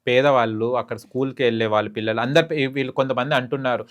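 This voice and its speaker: A man, a talk-show guest making an emphatic, pleading case and rising in pitch when he urges. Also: steady tone, fast. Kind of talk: heated opinion talk.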